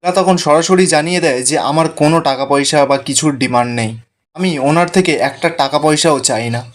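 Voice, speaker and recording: A man's voice: a little high, brisk. A man narrating a recap of a TV serial episode, retelling scenes and quoting dialogue. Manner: steady storytelling, quoted dialogue.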